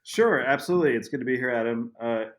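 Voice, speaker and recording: A man speaking as a guest on a podcast, telling a story in halting speech with many restarts. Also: mid-range voice. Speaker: guest, vineyard owner. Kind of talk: casual interview.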